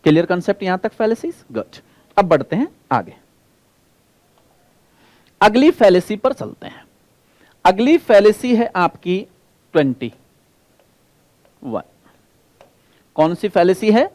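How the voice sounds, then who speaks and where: A male teacher, high-pitched, sing-song and a little mellow, runs an exam-prep lecture: he repeats points, asks the class questions, and slowly draws out key terms. There's no room sound.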